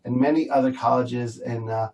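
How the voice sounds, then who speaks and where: A man's voice: medium pitch, fairly even intonation, moderate pace, darkish tone, slight background noise. A man hosting an event, introducing the next performer. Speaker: event host. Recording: distant mic.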